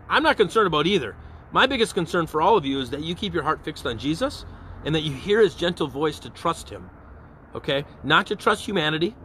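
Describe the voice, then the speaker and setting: A man's voice: on the high side, a bit bright, slight background noise. A man, a parish priest, giving an informal evening prayer reflection in a conversational way, often checking in with his listeners. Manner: conversational, often checks in with "okay?" and "all right?".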